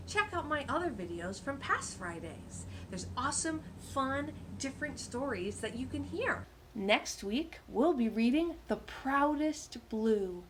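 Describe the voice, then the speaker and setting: With a slightly high voice, a children's storytime reader performs a picture book for young kids, warm and animated in a sing-song way, and stops now and then to chat about the pictures. The audio is poor, with slight background noise.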